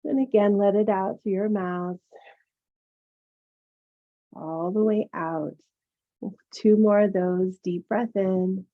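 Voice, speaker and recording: A woman teaching yoga and meditation, guiding relaxation in a gentle, soothing murmur with pauses. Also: medium pitch. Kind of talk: guided meditation instruction. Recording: phone-like narrow-band sound.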